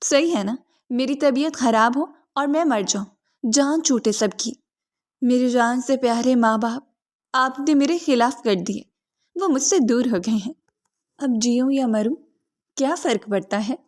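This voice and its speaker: A woman's voice: high voice, darkish tone, natural voice. Woman reading a distraught young bride, tearful, reproachful, voice rises.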